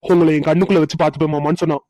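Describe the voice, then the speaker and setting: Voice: medium pitch, steady tone, very fast, warm tone, no echo, close to an everyday voice. A performer voicing a playful young husband in a cartoon who teases his wife with chuckles. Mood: teasing. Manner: teasing, chuckling. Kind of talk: cartoon voice acting.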